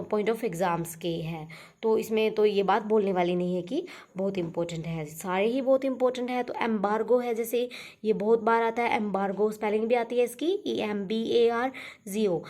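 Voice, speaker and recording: A woman's voice: mid-range voice, darkish tone. A woman teaching exam vocabulary, repeating each word and spelling it out letter by letter, often checking in with "ठीक है". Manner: frequent "ठीक है" checks with listeners. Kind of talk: vocabulary lesson for exam preparation.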